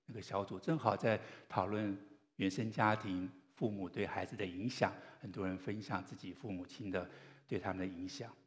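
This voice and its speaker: A man preaching a sermon, telling stories in an earnest way with gentle pauses. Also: low-pitched, in a large hall. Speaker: pastor.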